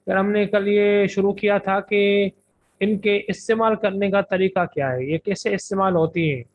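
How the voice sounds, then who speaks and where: Male grammar teacher, Urdu accent, high voice, drills lists slowly; tinny lo-fi lecture recording. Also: fairly even intonation. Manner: methodical, drills word lists slowly with translations. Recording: tinny phone-like lo-fi audio.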